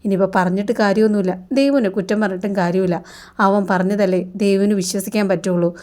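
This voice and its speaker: A woman's voice: mid-range voice, fairly even intonation, fast, warm tone, natural voice. A woman voicing a caring young husband from a TV serial who soothes and explains patiently. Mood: reassuring.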